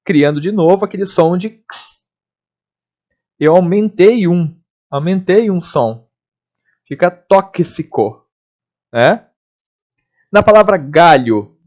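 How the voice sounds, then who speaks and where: Lively male teacher explaining phonetics. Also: fairly high pitch. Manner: lively, explanatory, frequent check-ins with listeners. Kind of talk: recorded classroom lesson. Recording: dull lo-fi recording.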